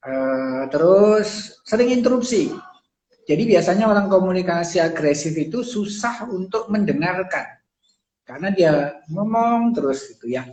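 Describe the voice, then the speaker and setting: A man's voice: high voice, darkish tone. Chatty man explaining in an echoey room. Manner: conversational, many fillers, acts out quoted lines. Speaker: psychology speaker. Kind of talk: casual explanatory talk on a live stream.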